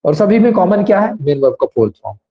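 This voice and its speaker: A man teaching grammar in an online class, explaining slowly and asking students to raise their hands. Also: high-pitched, very animated. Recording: dull lo-fi sound.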